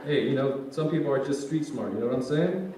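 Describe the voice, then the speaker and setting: A man's voice: medium pitch, fairly quick, warm tone, lightly acted. A man playing a grumbling, joking middle-aged son in a staged reading, casual and colloquial. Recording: echoey hall, distant mic, faint noise.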